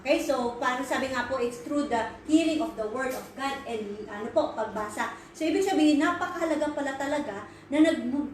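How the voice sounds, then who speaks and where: A woman's voice: sits high, a little hiss or hum. A woman giving an earnest sermon, switching between English and Filipino and asking rhetorical questions. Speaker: Bible study speaker. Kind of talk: Taglish sermon. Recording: very echoey room, voice far from mic.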